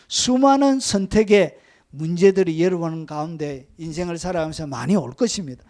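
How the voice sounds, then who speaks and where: A male pastor preaching a sermon, telling stories with animated delivery and acting out the people he quotes. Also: high voice. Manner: animated storytelling preacher, acts out quoted voices.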